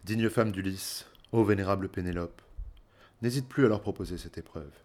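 A man voicing a disguised older king who speaks slowly and solemnly in formal phrases. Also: sits low, a little mellow. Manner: slow, solemn, formal speech.

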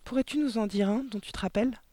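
A man voicing a kind young woman schoolteacher in an audiobook, warm and encouraging, lifting his voice higher for her. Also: fast, dry recording, studio quality, natural voice. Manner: warm, encouraging, easily delighted. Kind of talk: audiobook character voice.

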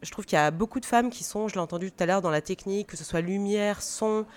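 A woman's voice: medium pitch, fast talker, a little mellow. A woman speaking conversationally as a radio panel guest, often searching for her words. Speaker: guest, stage director and drama teacher.

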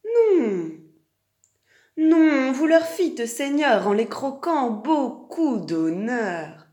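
Sex: woman. Figure: a woman doing a sly fawning fox. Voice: high. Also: exaggerated voice. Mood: flattering. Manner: high, fawning, drawn-out flattery. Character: sly flattering male fox courtier.

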